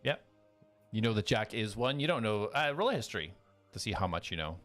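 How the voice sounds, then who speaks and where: Male game master, lower voice, descriptive scene narration, music behind. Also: big pitch swings, fairly quick, a bit bright. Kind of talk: narrating a live tabletop fantasy game. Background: background music.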